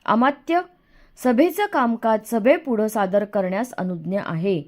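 A woman's voice: mid-range voice, unhurried, darkish tone, lightly acted. A woman voicing a young boy hero who plays a mock king in a children's game, speaking formally. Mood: regal. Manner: reluctant, then mock-regal.

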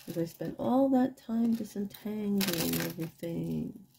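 A middle-aged woman chatting casually and quietly in a tired late-night way, with a husky, fry-laden voice, murmuring and repeating herself as she shows things off. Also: mid-range voice, a little slow, background noise. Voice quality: croaky, husky voice with vocal fry. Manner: quiet, tired late-night delivery, holding the voice down while others sleep. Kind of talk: casual chat, unscripted show-and-tell. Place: indoors at home, over a wooden table.

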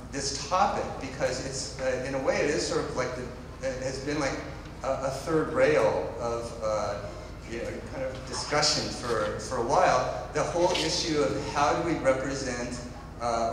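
Man moderating a panel in an echoey hall. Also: mid-range voice. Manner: discursive, winding explanations. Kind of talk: panel discussion. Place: stage of a large indoor hall with audience. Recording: echoey hall, distant and noisy.

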